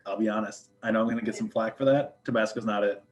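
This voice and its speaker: A man's voice: fairly low pitch, steady tone, quick pace, heavy background noise. A young man, a student ambassador chatting casually with lots of fillers and jokes. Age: young adult. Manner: chatty, filler-heavy, joking. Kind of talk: casual chat.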